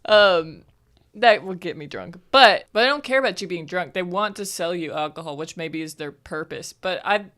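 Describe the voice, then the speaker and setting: Rambling low-voiced woman in her twenties. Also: expressive, moderate pace, a bit bright. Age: 20s. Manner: rambling, filler-heavy storytelling. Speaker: podcast co-host. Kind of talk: casual chat.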